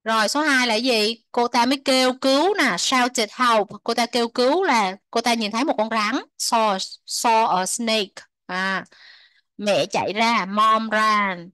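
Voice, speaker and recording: A woman teaching English to children, repeating words slowly, translating them and chatting with soft sentence endings. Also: fairly high pitch, no echo. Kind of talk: explaining a textbook lesson to children.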